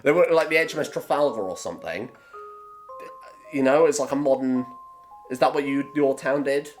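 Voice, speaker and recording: A man's voice: medium pitch, normal speed, soft background music. A young man in his twenties co-hosting a casual chat, sarcastic and sweary, with mocking asides. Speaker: co-host.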